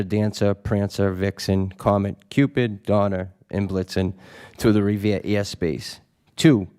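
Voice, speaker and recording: Male meeting official, clean resonant low voice, formal read-aloud of a filing. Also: a little mellow, clean tone. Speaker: council president reading a filing. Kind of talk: mock-formal reading of an official notice.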